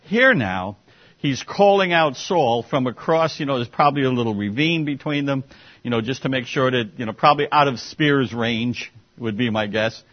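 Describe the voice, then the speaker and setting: A man's voice: medium pitch, normal speed. A man leading an informal Bible study, explaining scripture in a conversational way with sarcastic asides, and taking questions from the group. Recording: dull muffled classroom recording.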